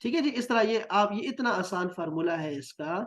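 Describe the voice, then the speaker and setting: A man's voice: high-pitched, lively intonation, moderate pace, fairly bright tone. A man teaching Quranic Arabic words in a recorded lesson, patiently drilling and repeating them. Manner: patient, repetitive drilling with gestures.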